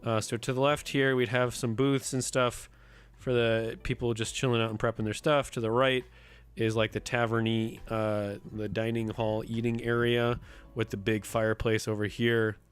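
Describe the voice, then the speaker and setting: A man streaming live with a sick, rough voice. He chats casually and thinks aloud as he builds a map, often counting under his breath. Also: medium pitch, flat delivery, moderate pace. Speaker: streamer and host.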